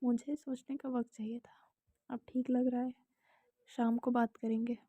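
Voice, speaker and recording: A woman voicing a thoughtful young woman in a storybook tale, speaking low and inward as she steadies herself. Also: level tone, a little slow, mellow, no echo. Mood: quiet resolve.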